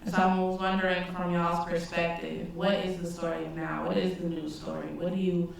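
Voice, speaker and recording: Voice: medium pitch, little pitch movement, fairly quick, vocal fry, a little hiss or hum. A panel moderator asking questions casually and with curiosity in a large hall. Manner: casual, inquisitive. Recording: echoey hall, from far off.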